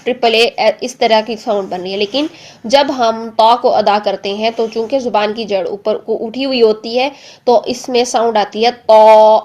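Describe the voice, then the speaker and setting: A woman teaching Quran recitation, explaining calmly and repeating letter sounds again and again for practice. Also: on the high side, dull audio. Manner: explains slowly, drills letter sounds with many repetitions; stretches demonstration words very slowly. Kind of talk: tajweed lesson.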